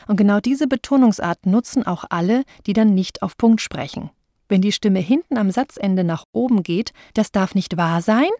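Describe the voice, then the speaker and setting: A woman speech coach giving a voice training lesson, speaking clearly and deliberately, and slowing down to show how words are stressed. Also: medium pitch, warm tone, no echo, studio quality. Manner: clear, deliberate, demonstrates stress with slowed example sentences.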